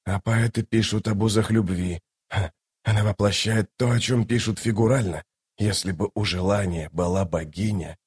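A man's voice: on the low side, normal speed, a little mellow, slightly rough, no room sound, studio quality. A man voicing a weary, wary young soldier in an audiobook, muttering and grumbling in a subdued way. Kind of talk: audiobook character voice.

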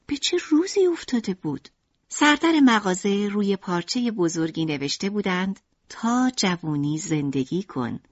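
Lively, breathy woman narrating an audiobook. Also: a little high. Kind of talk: scripted narration. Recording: dull lo-fi audiobook recording.

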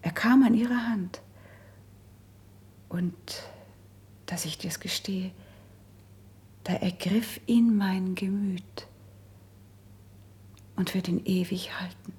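A female performer voices a resigned, melancholy young princess, ill since childhood, in a classical radio drama in verse. Her mid-range voice is breathy, husky and hushed, measured in delivery, with a wistful, confessional mood.

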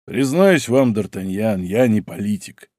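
A man's voice: on the low side, animated, unhurried, a little mellow, husky, dry recording, clean studio sound. A man voicing a burly, boastful old musketeer baron who speaks bluntly and heartily, in a storybook reading.

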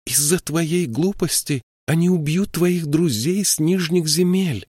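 A man's voice: a little high, a little slow, slightly rough, dry recording, studio quality, voice pushed up. A man voicing a fiery, frightened young troll woman who scolds her stubborn friend in an audiobook. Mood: exasperated. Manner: scolding, sharp exasperated outbursts. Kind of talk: audiobook character voice.

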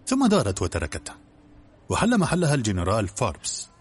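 A man reads an audiobook in a very deep, husky voice. He narrates fast and briskly, steady and even.

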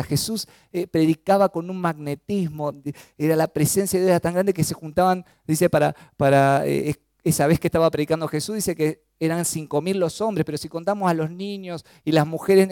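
A man from Chaco with an Argentine accent preaching a sermon, swinging between emphatic raised peaks and low, quiet lines. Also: no echo, studio quality. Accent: Argentine Spanish. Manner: animated preaching, rising to emphatic peaks then dropping low.

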